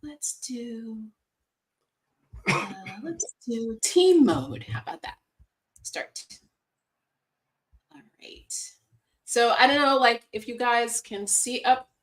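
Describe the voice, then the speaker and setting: Lively, bubbly woman co-host. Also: on the high side, takes it slowly, long pauses. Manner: chatty, self-deprecating, laughs easily. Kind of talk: casual livestream chat.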